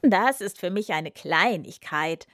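A woman's voice: on the low side, lively intonation, slow pace, fairly bright tone, no echo, clean studio sound. Woman reading a boastful fairy-tale sorcerer. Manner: proud and boastful. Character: proud boastful male sorcerer.

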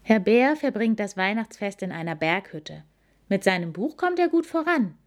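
A woman voicing a kind, motherly hotel keeper in a storybook reading, warm and caring. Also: mid-range voice, sing-song, normal speed, voice pushed up, lightly acted.

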